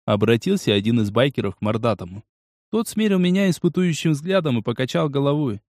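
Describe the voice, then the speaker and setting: A man, the author, narrating his novel as an audiobook in a steady storytelling voice. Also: mid-range voice, fairly quick, no echo, clean studio sound. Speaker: author reading his book.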